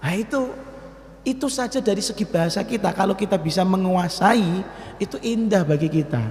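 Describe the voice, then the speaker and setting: A man with a Central Javanese accent giving a lively Ramadan study lecture as an Islamic teacher, asking his listeners questions and slipping into Javanese. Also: sits high, fairly quick, slight background noise. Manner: lively, asks the audience questions, switches into Javanese. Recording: echoey hall with long reverb.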